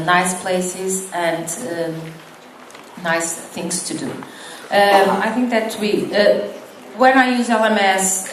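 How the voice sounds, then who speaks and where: A middle-aged woman from Portugal, an English teacher giving a conference talk, hesitant with many fillers and restarts. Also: lowish voice. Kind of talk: conference presentation. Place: conference hall. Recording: echoey hall from far off, faint noise.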